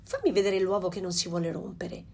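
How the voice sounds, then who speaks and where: A woman's voice: on the low side, very animated, a little fast, a little mellow, slight background noise. Woman doing a know-it-all old duck. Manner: knowing, dismissive advice.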